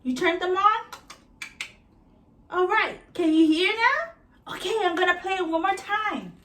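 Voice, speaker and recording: A woman's voice: very high-pitched, lively intonation, unhurried, bright, forceful tone. A woman teaching young children like a kids show host, with an exaggerated, encouraging manner and simple questions. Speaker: preschool teacher leading circle time. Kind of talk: children's educational lesson, asking questions to young viewers. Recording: roomy echo, distant mic, faint noise.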